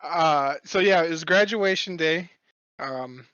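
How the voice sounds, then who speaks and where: A man's voice: a little high, slow, a bit bright, smooth, no echo, highs cut off. Young man telling a rambling, swearing story. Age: young adult. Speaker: podcast co-host. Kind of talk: casual podcast chat.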